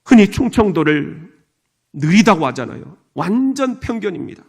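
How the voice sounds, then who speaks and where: Animated high-voiced Korean pastor preaching. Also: male voice, moderate pace, breathy edge. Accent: Chungcheong Korean. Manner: lively preaching, mimics regional dialects for humor. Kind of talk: sermon.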